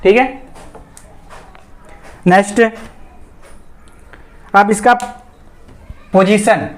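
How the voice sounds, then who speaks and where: Male grammar teacher, high pitch, patient step-by-step explainer who reads examples word by word. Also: fairly even intonation, drawn-out words. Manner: repeats questions to students and answers them himself. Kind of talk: explanatory classroom lesson.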